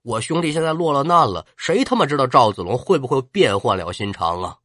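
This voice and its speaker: A man's voice: mid-range voice, lively intonation, fairly quick, fairly bright tone, no room sound, studio quality. Man doing hot-tempered general Zhang Fei. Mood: coarse, suspicious. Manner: coarse, swearing, folksy sayings.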